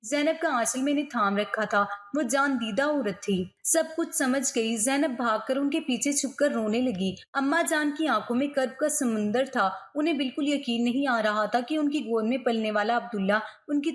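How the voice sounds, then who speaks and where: High-voiced woman narrating a story. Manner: steady, expressive reading.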